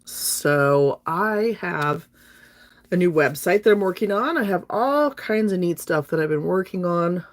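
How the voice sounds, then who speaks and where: A woman in her fifties speaks with a low, deep-set voice. She talks to her viewers in a chatty, friendly way while doing her makeup on a livestream. A slight lingering cough stays with her. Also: lively intonation, unhurried. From North Alabama, USA. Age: 50s.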